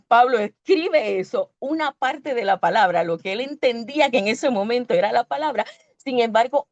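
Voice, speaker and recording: A woman's voice: fairly high pitch, darkish tone, no echo. A Puerto Rican woman preaching a sermon, teaching earnestly and stopping to correct herself as she reads scripture. Her voice sits in an ordinary middle register. The sound is dry and a little dull. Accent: Puerto Rican Spanish. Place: church.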